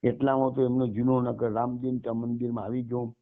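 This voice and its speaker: A man narrating a devotional story at a satsang in a lively way, stopping now and then to explain the lines. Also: medium pitch, brisk. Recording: tinny phone-like line.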